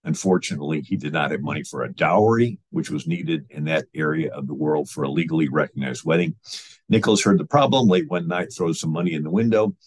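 A man with a very low, husky voice recounts history in a loose, informal way. He pauses on fillers and restarts his sentences as he tells the story. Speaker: history lecturer.

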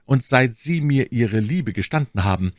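A man's voice: mid-range voice, animated, moderate pace, no room sound, studio quality, voice pushed up, natural voice. A man voicing a gallant, earnest young swordsman who speaks in a courtly, pleading way in an audiobook. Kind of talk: audiobook character voice.

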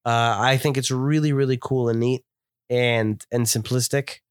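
A man's voice: medium pitch, steady tone, moderate pace, clear, resonant tone, dry recording. Chatty stuffed-up man, dry close sound. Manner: chatty, descriptive, enthusiastic. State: stuffed up with a cold. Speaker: podcast co-host reviewing beer. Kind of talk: casual chat.

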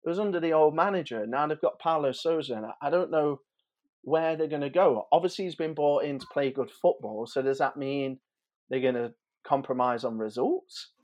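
A man in his thirties with a voice on the high side and a slightly mellow tone talks at normal speed. He's a podcast host previewing football, chatting informally and a bit hesitantly.

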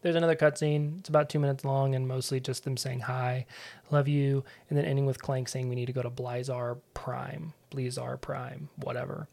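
A man hosting a podcast, recapping a game in a loose and sarcastic way. His voice is gravelly, with a fry at the ends of phrases, and sits at an ordinary middle pitch. He swears freely and wanders off on tangents. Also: little pitch movement, normal speed, a little mellow. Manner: profane, sarcastic and rambling. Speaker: podcast host.

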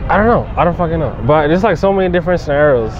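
A man's voice: a little high, lively intonation, racing. A young man co-hosting a podcast in casual, blunt, profane banter full of slang. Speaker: podcast co-host. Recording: muffled, clearly noisy outdoor traffic background.

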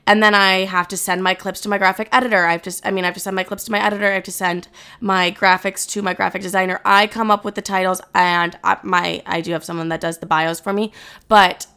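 A woman's voice: medium pitch, bright, forceful tone, clear, resonant tone. Blunt, swearing woman podcast host. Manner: blunt, frequent swearing, candid. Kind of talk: casual chat to listeners.

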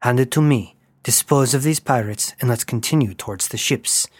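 A man's voice: medium pitch, normal speed, breathy edge, dry recording, studio quality, close to an everyday voice. A man voicing a commanding adult male lieutenant giving terse orders in a science-fiction story. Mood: stern.

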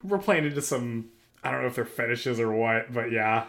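A man's voice: mid-range voice, moderate pace, gravelly, very noisy. A man co-hosting a podcast in casual chat, joking and laughing often. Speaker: podcast co-host.

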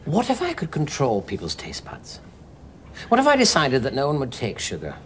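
A man's voice: on the high side, wildly swooping pitch, normal speed, a bit bright, slight background noise. An actor playing an enigmatic male time traveller who ponders aloud in a philosophical way, in a 1980s TV drama scene. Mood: brooding.

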